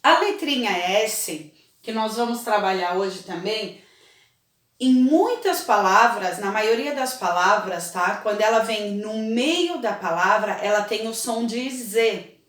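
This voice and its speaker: A woman teaching a children's spelling lesson, slow and patient, often checking in with her pupils. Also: medium pitch, expressive, fairly bright tone. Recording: echoey room, voice a bit far from the mic.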